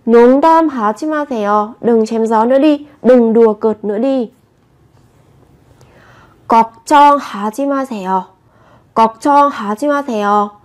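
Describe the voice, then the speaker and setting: Clear woman teaching Korean phrases. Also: on the high side, quick pace, long pauses. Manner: models each Korean phrase twice, then explains it patiently. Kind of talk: language lesson, repeating phrases slowly.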